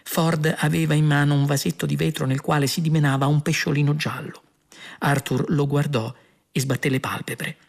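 A man narrating an audiobook in a measured, wry manner. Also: fairly high pitch, level tone, vocal fry.

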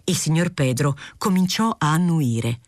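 A woman narrating a literary novel aloud in a steady, clear, unhurried audiobook reading. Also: low voice, no room sound, studio quality. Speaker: audiobook reader.

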